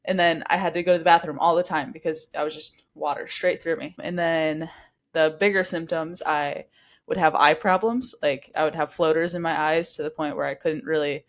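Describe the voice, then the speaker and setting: A woman's voice: sits low, steady tone. A young woman in her twenties, a podcast guest telling a long personal story in a casual, chatty way. She sounds a little stuffy from allergies. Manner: chatty, quick, with frequent likes and restarts.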